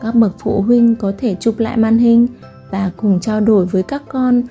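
A preschool teacher, narrating a storybook tale for children slowly and carefully. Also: female voice, fairly high pitch, steady tone. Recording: long hall reverb, soft music behind.

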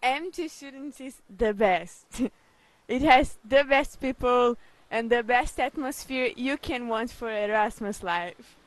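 A woman's voice: fairly high pitch, takes it slowly, dry recording. A young woman from Brazil, praising the city enthusiastically on a handheld mic. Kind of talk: casual interview answers.

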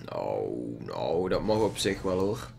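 A man's voice: extremely low pitch, very animated, slow, creaky, a little mellow, faint music behind. A man giving casual let's play commentary, chatty and jokey, teasing the game's characters. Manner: jokey, chatty, mocking the game. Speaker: gaming YouTuber.

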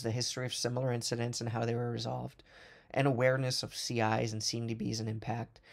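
This is a product demo voice-over on a screen recording, delivered by a man in a medium-pitched, gravelly voice. His explanation is quick, fluent and corporate, with occasional restarts.

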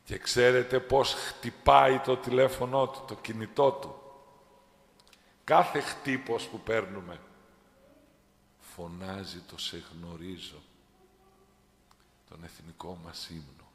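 A male priest preaching an impassioned sermon, dropping to a hush and then rising to a shout. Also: mid-range voice, vocal fry, long pauses. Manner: impassioned, swings from hushed to shouting. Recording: echoey, reverberant church hall.

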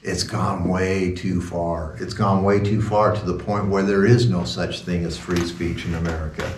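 A pastor in his sixties with a low-sitting voice gives an informal, rambling sermon talk full of sarcastic asides. He's in a small wood-paneled room indoors, recorded at a distance with a roomy echo and slight background noise.

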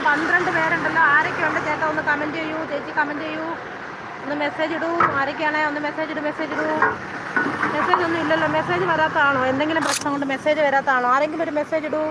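High-pitched woman fish seller. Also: little pitch movement, quick pace. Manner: calls out to viewers repetitively, like a vendor. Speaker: fish seller hosting a livestream from the stall. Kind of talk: casual livestream chat. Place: outdoor fish stall by a bypass road. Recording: very noisy outdoor roadside, traffic ambience.

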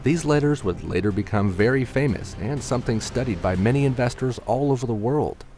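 A man giving measured, scripted documentary narration. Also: medium pitch, lively intonation, darkish tone. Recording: narration over clear background music.

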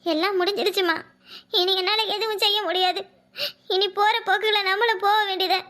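A woman voicing a heartbroken, resigned young village bride in a cartoon, soft and tearful, with a Kanyakumari Tamil accent. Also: very high voice, fairly even intonation, a little fast.

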